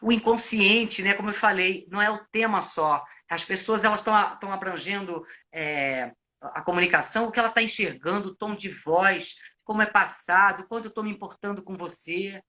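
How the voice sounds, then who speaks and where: A man's voice: sits high, moderate pace, bright, forceful tone. A Brazilian man, an actor and coach, explains at length in a reflective way with frequent restarts, speaking on a live video call. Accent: Brazilian Portuguese. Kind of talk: live video chat, giving advice.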